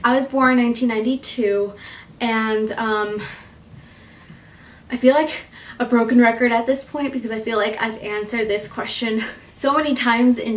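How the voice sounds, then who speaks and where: A woman's voice: mid-range voice, a bit bright, recorded from a distance, slight background noise. A woman in her twenties from Guatemala, a YouTuber chatting casually to camera, with lots of ums and little laughs. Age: 20s.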